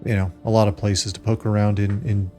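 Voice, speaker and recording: Low-voiced man narrating as game master over music. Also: flat delivery, brisk, warm tone. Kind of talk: game master narrating a tabletop role-playing game. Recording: background music under the voice.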